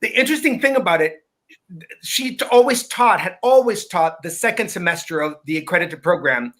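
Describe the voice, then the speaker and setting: A man's voice: sits high, expressive, a little fast, fairly bright tone. A man speaking as a guest in a conversational talk, earnest and emphatic, often repeating words as he starts a sentence.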